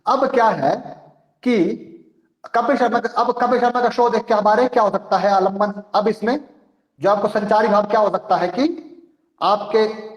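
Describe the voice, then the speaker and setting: A man's voice: high-pitched, steady tone, normal speed, pauses often. A male teacher giving an online class, explaining with rhetorical questions and often checking that students follow. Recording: echoey room.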